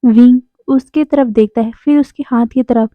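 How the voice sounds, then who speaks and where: A woman with a slightly high voice narrates a romance story, speaking every character's lines herself. The sound is dry and thin, like a phone recording. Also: steady tone, normal speed, no room sound. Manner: reads all dialogue in her own voice. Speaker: fanfiction narrator. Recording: dry tinny phone-like audio.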